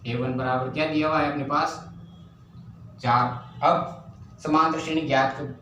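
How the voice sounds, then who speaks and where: A man's voice: fairly high pitch, a bit bright. A man teaching a math lesson, repeating steps and asking and answering his own questions. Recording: very echoey room, faint ambient noise.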